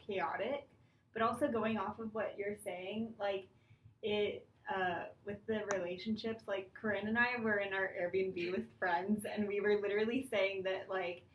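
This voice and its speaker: A woman's voice: mid-range voice, a little hiss or hum. Easygoing young woman, distant and echoey. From Hawaii, USA. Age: 20s. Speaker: student guest. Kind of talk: casual chat. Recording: dull, echoey sound from off-mic.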